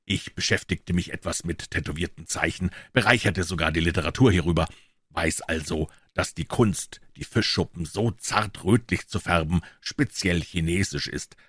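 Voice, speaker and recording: A man voicing a shrewd, calm detective who explains in a low, measured, quietly assured way in an audiobook. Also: breathy edge, no echo, studio quality. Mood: explaining. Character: shrewd calm male detective, dryly ironic. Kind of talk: audiobook character voice.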